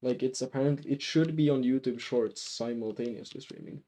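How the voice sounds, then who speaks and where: Here a man from Finland, lightly accented, talks casually over his live-streamed gameplay in a rambling style with frequent restarts and fillers. His voice is medium in pitch and dark in tone, at a normal speed.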